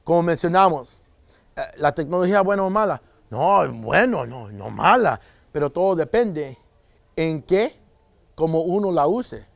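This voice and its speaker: A man speaks to a room of parents as a police officer, his voice sitting high and light. He jokes and slips into quoted voices of children and mothers. The sound is close and dry. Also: sing-song, a little slow, creaky, no room sound. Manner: joking, acts out parents and kids in quoted voices. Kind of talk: live lecture to an audience.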